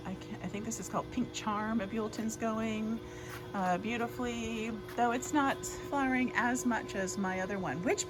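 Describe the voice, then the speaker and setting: A woman's voice: mid-range voice, poor audio. A woman chatting casually as she works in her garden outdoors, rambling with plenty of fillers. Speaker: garden vlogger. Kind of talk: casual chat.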